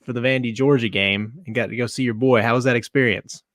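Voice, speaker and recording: A man's voice: medium pitch, steady tone, fast, fairly bright tone, dry recording, clean studio sound. A man hosting a sports podcast, upbeat and teasing, chatting with his guest. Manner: upbeat, teasing, laughs along. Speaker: podcast host. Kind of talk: casual chat.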